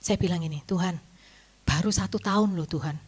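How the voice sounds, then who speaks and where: A woman's voice: fairly low pitch, a little fast, slightly rough. A woman pastor, giving a testimony sermon in a storytelling way, dropping to a near whisper when she quotes the doctor. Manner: storytelling, quoting the doctor in a hushed voice and herself more loudly. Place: church.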